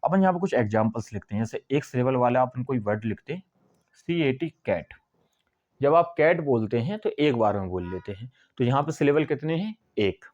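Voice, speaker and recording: A man teaching English basics in a whiteboard lesson, explaining step by step and drawing out syllables slowly. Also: medium pitch, expressive, a little mellow, dull audio.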